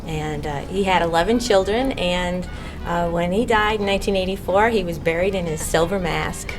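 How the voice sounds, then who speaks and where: Woman with a lowish voice talking casually like a keen fan, music playing behind. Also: moderate pace, low-quality recording. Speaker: publications coordinator and copy editor, wrestling fan. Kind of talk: casual interview commentary.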